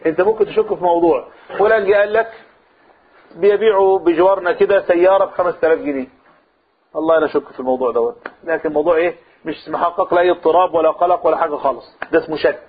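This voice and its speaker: Egyptian man teaching, husky phone-like sound. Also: sits high, fairly even intonation, rapid-fire. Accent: Egyptian Arabic. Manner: explains by asking and answering his own questions. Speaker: religious teacher. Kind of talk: Quran commentary lesson.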